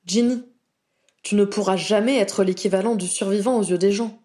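Woman reader as a sincere young wizard, worried but reassuring, mellow. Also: mid-range voice, normal speed, lightly acted.

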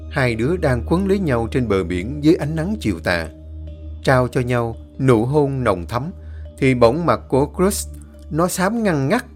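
A man's voice: medium pitch, darkish tone. A man narrating a ghost story and voicing each of the characters himself.

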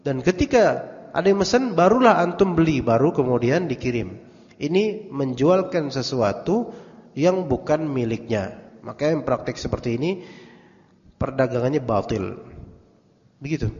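A man's voice: mid-range voice, expressive, normal speed, long pauses, a little mellow, long reverb tail, dull audio. A man with an Indonesian accent giving a conversational Islamic study lecture, telling stories with quoted dialogue and Arabic phrases. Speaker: religious teacher.

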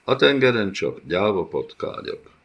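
A sly, flattering courtier , as a male audiobook reader puts him on, who speaks in a smooth, fawning way. His voice sits somewhat above the deep narration. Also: heavily acted. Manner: smooth, fawning, feigning regret.

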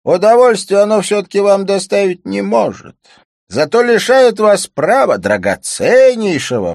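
A man's voice: no echo, clean studio sound, full character voice. A man reading a novel aloud and voicing a sour, grumbling middle-aged male cynic who sneers and drags out his words. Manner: sneering, drawn-out and squeaky.

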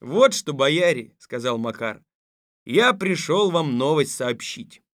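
A stern, weary tsar from a fairy tale who barks his orders in a gruff, commanding tone. His voice sits a little higher than most men's, and the recording is close and dry, with no room sound. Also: expressive, takes it slowly, fairly bright tone, no echo. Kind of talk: audiobook radio play.

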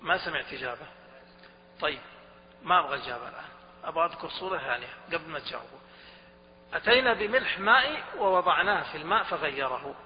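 A man giving a lecture on Islamic jurisprudence, who quizzes the students often and repeats his points. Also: on the high side. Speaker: religious studies teacher. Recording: dull recording with a long hall reverb and faint hum.

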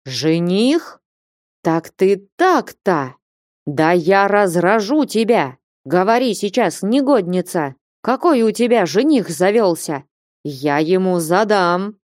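A woman reading the part of a stern, hot-tempered old merchant father who blusters and shouts in anger. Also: medium pitch, expressive, slow, dry recording, studio quality. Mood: furious.

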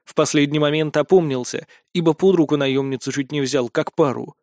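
A man narrating a fantasy audiobook in the first person, with a lively, expressive reading on a close mic. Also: on the high side, brisk, no room sound.

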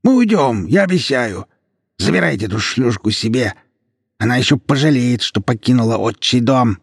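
A man voicing a jealous, lame, middle-aged clan head who shouts and blusters in a husky voice. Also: medium pitch, animated, normal speed, no echo, clean studio sound, pitched above the performer's own voice. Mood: panicked.

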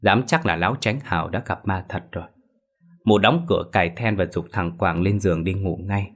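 A man narrating a ghost story in an expressive, dramatic way. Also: sits low, normal speed.

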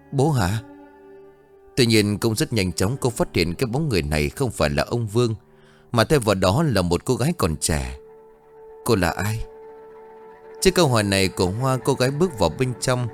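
A man with a low voice tells a ghost story, his pitch rising and falling dramatically to build suspense. Soft music plays faintly behind him. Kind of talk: scripted narration of a ghost story.

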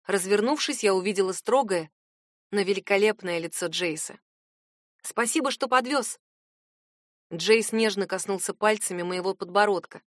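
A woman reading a novel aloud in first person as an audiobook narrator, with measured, wry storytelling. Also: medium pitch, dry recording, clean studio sound.

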